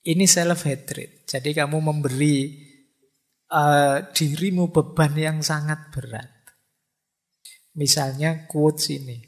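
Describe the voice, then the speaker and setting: A man with a gravelly, slightly high voice lectures in a relaxed, informal way. He slips into little acted-out inner voices to make his points to the audience. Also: slow, long pauses. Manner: informal teaching, Javanese-flavored asides, acts out inner voices. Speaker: lecturer on philosophy. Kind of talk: casual religious study lecture.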